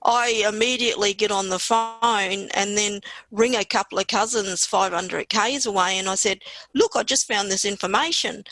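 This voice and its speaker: A woman's voice: mid-range voice, normal speed, fairly bright tone, no room sound, low-quality recording. Australian woman poet, reflective, close dry sound. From Western Australia. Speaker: poet being interviewed. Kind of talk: reflective conversational storytelling.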